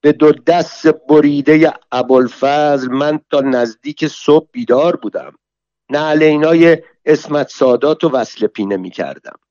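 A man's voice: a little high, a little mellow, no echo, lo-fi sound, lightly acted. A man voicing a devout, earnest man solemnly swearing to his testimony in a story reading.

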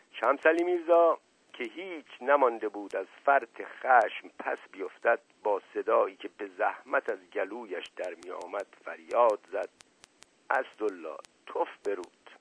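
A man narrating an audiobook with measured storytelling. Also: medium pitch, breathy edge. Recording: dry, slightly dull audio.

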